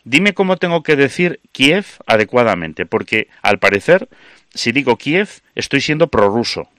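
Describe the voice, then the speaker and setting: A man's voice: mid-range voice, animated, normal speed, a bit bright, no room sound, clean studio sound. A man hosting a radio interview, talking in a conversational, reflective way. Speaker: radio host.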